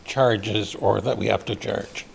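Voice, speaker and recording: A man's voice: lowish voice, steady tone, unhurried, vocal fry, breathy edge. A man from the public addressing a town council in a plain, matter-of-fact way. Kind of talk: public comment. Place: council chamber.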